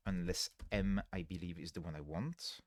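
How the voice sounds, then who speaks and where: A man's voice: low voice, fairly even intonation, normal speed, dry recording, clean studio sound. A tired man live-streaming his coding work on a headset microphone, thinking aloud step by step and correcting himself mid-sentence as he explains. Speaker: livestreaming programmer. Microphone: livestream headset mic.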